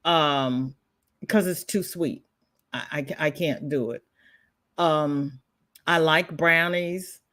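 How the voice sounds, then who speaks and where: Hosting a crochet livestream, this Southern American woman speaks in a low-pitched, slightly bright voice, slowly and with many pauses. She rambles and chats, reads viewer comments aloud, and often starts sentences over. Her voice sounds congested.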